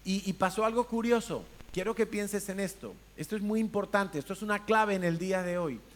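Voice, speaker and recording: A man's voice: high-pitched, a little fast. A man with a Spanish accent preaching a sermon in a church hall, in a conversational way, asking the congregation questions and acting out different tones of voice. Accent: Peninsular Spanish. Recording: faint hiss.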